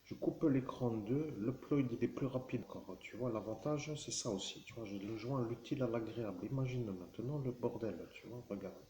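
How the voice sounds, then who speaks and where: A vlogger rambles straight to the viewer in a fairly quick, mellow, medium-pitched voice with hardly any pauses. He keeps saying "tu vois," drifts off track, and fills his talk with fillers and self-corrections. The sound has a roomy echo and faint background noise.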